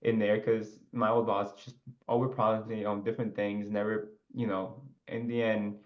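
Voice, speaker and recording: Low flat-voiced man on a muffled call. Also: normal speed. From Ecuador. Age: 20s. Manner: relaxed, rambling, with filler and restarts. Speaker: guest. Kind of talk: casual interview.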